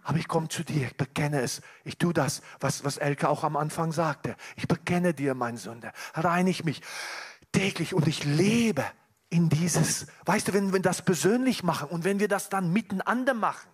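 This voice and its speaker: A man's voice: fairly high pitch, moderate pace, slightly rough. A man preaching a sermon at a church service, talking earnestly to the congregation, often restarting his sentences. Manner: earnest, with frequent restarts and direct address to the congregation.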